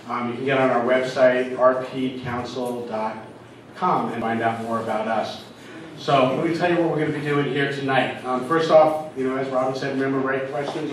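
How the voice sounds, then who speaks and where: Guy running a community debate, casual with lots of ums, echoey room, far mic, bit of noise. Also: mid-range voice. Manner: informal, many ums. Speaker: debate moderator. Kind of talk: announcements and moderating. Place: community hall.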